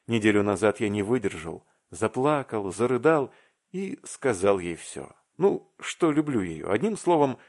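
A man voicing a timid, tender-hearted young man in love in an audiobook, speaking earnestly and haltingly. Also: medium pitch. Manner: earnest, faltering, warm confessional. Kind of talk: audiobook reading.

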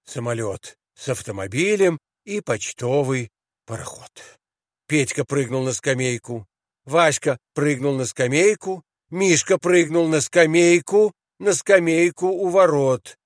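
Man, children's poem reading, sing-song cadence, fairly high voice, dry close sound. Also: expressive, a little slow, dry recording. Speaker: reader.

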